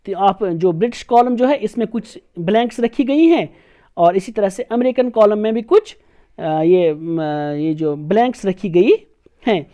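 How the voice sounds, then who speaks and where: Woman, teacher, lesson, patient, spells words out, dark mellow tone. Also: medium pitch, lively intonation, a little slow. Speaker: English teacher. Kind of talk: classroom lesson explaining spellings.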